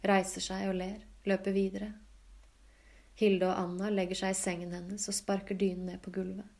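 Flat, mellow-voiced woman reading a novel. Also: gravelly. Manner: calm, even, low-key reading. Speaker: audiobook reader. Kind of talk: scripted literary narration.

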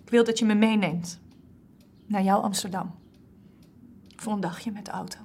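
A woman's voice: medium pitch, steady tone, normal speed, darkish tone, natural voice. An actress playing a hurt, distrustful young woman with a reproachful manner in an audio drama. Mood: wistful. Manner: reproachful, then wistful.

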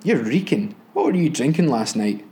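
A brisk young police constable on his dawn beat, as a man reading a crime novel puts him on. He speaks in a matter-of-fact, middle-range voice, clipped and practical. The style is an audiobook reading. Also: medium pitch, very animated, warm tone, close to an everyday voice.

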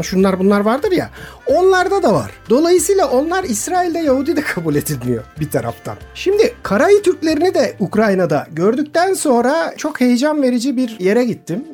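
A woman from Istanbul, a touring cyclist, telling travel stories as a guest in a radio interview and speaking straight to her listeners. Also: fairly high pitch. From Istanbul, Turkey. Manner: lively anecdotal storytelling, addressing listeners directly.

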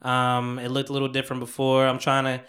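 A young man hosting a podcast in a small home studio, talking in loud, joking, slangy banter and laughing often. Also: mid-range voice, completely flat delivery, fairly quick. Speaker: podcast host. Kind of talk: casual chat.

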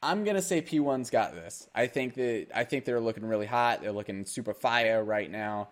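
A young man co-hosting a casual esports podcast, animated and joking. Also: medium pitch, moderate pace. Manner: animated, joking, goofy put-on voices. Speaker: podcast co-host.

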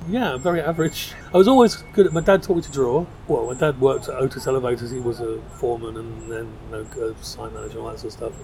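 A man's voice: mid-range voice, quick pace, gravelly, hardly any pauses, low-quality recording. A middle-aged man with a South London accent, talking in a casual, discursive, informal way as an interview guest. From South London, England. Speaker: podcast guest, designer. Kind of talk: casual pub interview chat. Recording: busy crowd chatter behind.

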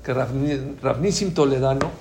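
A man giving a Torah lecture as a rabbi, animated and acting out quoted dialogue. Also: medium pitch, normal speed. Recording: echoey room with faint background noise.

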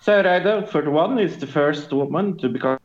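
A Norwegian man co-hosts a podcast from a hospital room, chatting casually in a laid-back way with plenty of fillers. His slightly high voice is unhurried, and the dull audio carries a cave-like echo.

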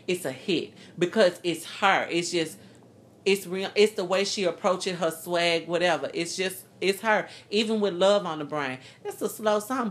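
A woman co-hosting a podcast, giving blunt, profane opinions in casual chat about music. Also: fairly low pitch. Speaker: podcast co-host.

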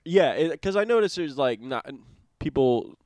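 A man's voice: fairly high pitch, expressive, moderate pace, darkish tone, no room sound. Male podcast co-host, easygoing slangy chatter, dead-dry room. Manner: laid-back, says "dude" a lot, trails off with fillers. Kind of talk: casual chat.

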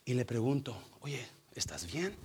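A man preaching a sermon in a church, telling a story with big swings from loud to hushed. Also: mid-range voice, big pitch swings, measured pace, slight background noise. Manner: emotive, swings from loud to hushed, mixes in English fillers. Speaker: pastor.

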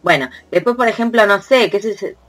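A woman's voice: mid-range voice, brisk, a bit bright. A woman with a Rioplatense Spanish accent, hosting a casual podcast chat, playful and laughing often as she sounds out onomatopoeia. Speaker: podcast host.

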